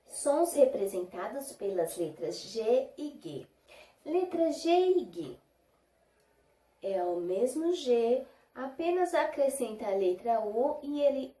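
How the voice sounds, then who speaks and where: In a recorded Portuguese lesson for young children, a Brazilian primary school teacher draws each word out slowly so every sound comes through. She's patient and checks understanding with short questions. Her fairly high voice is mellow and soft, and the room echoes around her.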